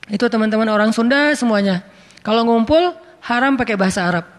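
A man's voice: very high voice, expressive, quick pace. A man giving a conversational religious talk, telling anecdotes and quoting Arabic verses. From Indonesia. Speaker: preacher. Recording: long reverb.

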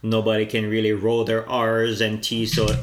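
A man's voice: on the low side, completely flat delivery, moderate pace, noisy background. A man with a local Hawaiian accent chatting casually as a podcast co-host, using colloquial Pidgin slang. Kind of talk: casual chat. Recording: roomy echo.

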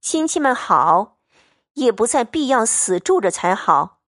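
A woman reading the part of a proud, sharp-tongued young noblewoman who speaks with biting sarcasm in a storybook reading. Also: mid-range voice, lively intonation, a little slow, dry recording, studio quality. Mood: cutting.

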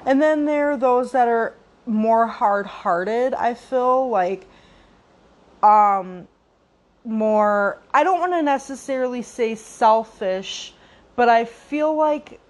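A woman's voice: on the high side, takes it slowly. A woman in her late twenties hosting a podcast alone, talking in a reflective way with many fillers and restarts. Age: 20s. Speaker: podcast host. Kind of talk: casual solo podcast talk.

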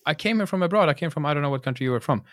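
A man hosting a podcast, giving quick, animated, chatty advice. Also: fairly high pitch, no room sound, studio quality. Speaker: podcast host. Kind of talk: casual podcast interview.

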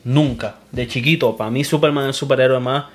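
A young man argues his picks in a casual chat about films, insistent and opinionated. His voice sits at an ordinary middle pitch. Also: fairly even intonation, a little fast. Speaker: co-host.

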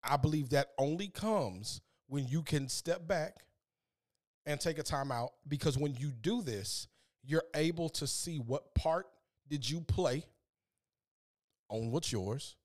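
A man's voice: fairly high pitch, animated, slow pace. A man hosting a podcast, giving an earnest, preachy, faith-based motivational talk and repeating words as he gets fired up. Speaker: podcast host.

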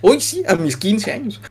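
A young man with a Mexican accent, a podcast host telling an excitable, slang-heavy story and laughing often. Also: sits high, takes it slowly, breathy edge. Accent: Mexican Spanish. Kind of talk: casual storytelling chat.

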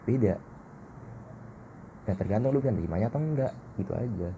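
Man, dark mellow tone, casual podcast monologue, blunt and joking. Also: lowish voice, lively intonation, fairly quick, slight background noise. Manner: blunt, slangy, self-mocking. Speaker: podcast host.

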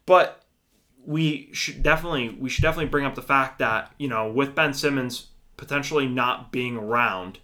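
A man with a bright, forceful voice talks sports in loose, casual podcast chat. He rambles, swears freely and restarts his sentences as he goes. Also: medium pitch, normal speed. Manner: rambling, profane, self-correcting. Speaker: podcast co-host.

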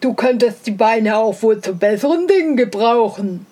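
A woman voicing a haughty male hare who mocks others, speaking loudly and scornfully in a storybook reading. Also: fairly high pitch, expressive, moderate pace. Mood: mocking. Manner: scornful, loud and boastful. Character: haughty mocking male hare, proud of his long legs.

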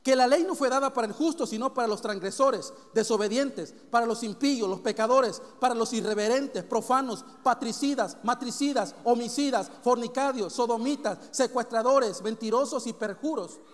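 Brief: a pastor with a high voice, preaching from the pulpit and pressing the congregation with questions. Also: male voice, normal speed, hardly any pauses. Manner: reads long scripture lists, questions the congregation directly. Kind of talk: sermon. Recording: long hall reverb.

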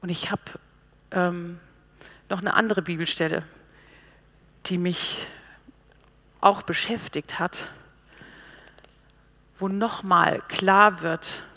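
A woman preaching a sermon, telling stories and acting out the people she quotes with lively pauses and hesitations. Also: fairly low pitch. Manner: lively storytelling, animated quoting of others, with pauses and hesitations.

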